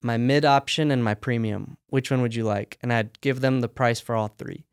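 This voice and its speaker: A man who runs a sock company, talking through his business in a relaxed, practical way during an interview. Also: mid-range voice, normal speed, clean tone, no room sound, studio quality. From United States. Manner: relaxed, practical, talks in run-on explanations. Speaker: sock company owner, guest. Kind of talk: casual interview conversation.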